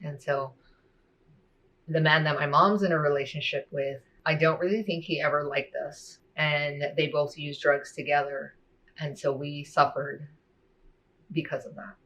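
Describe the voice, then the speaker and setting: A woman sharing a personal faith testimony in a soft-spoken, reflective way, often saying "you know" and "like.". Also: low voice, fairly even intonation, unhurried, rough recording.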